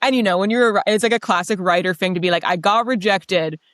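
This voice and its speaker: A woman's voice: medium pitch, very fast, fairly bright tone, no room sound, studio quality. A woman telling her story as an interview guest in a casual, chatty, self-deprecating way, saying "like" often.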